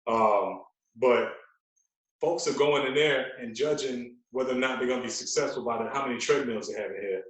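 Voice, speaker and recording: In this casual interview, the podcast guest, a man who works as a fitness trainer, hammers points home by repeating phrases and explaining emphatically. He speaks at a normal speed in a mid-range, fairly bright voice. He's recorded from a distance, and the sound is very echoey and roomy.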